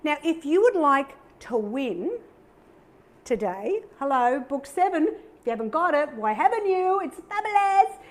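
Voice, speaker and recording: This cooking show host, a middle-aged Australian woman, runs a live demonstration in a high, sing-song voice, unhurried yet bubbly and chatty, with plenty of small exclamations as she cooks.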